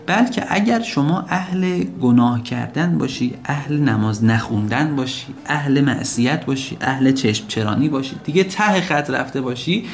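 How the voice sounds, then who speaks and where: Gravelly guy giving a sermon, lots of rhetorical questions, voice keeps rising to push each point. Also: mid-range voice. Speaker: religious preacher.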